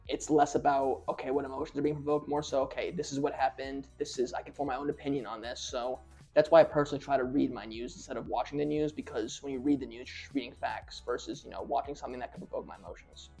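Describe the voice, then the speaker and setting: A man's voice: mid-range voice, fast, warm tone, faint music behind. A young man from New Jersey answering interview questions, earnest, explaining step by step. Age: young adult.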